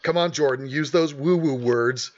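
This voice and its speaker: Man, high lively voice, mocking profane commentary, dull lo-fi sound. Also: normal speed. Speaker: comedy video host. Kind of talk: sarcastic commentary over clips.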